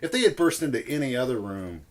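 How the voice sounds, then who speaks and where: A man's voice: mid-range voice, sing-song, fast talker. A man chatting on a podcast who drops dry wisecracks from the sidelines. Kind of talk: casual chat.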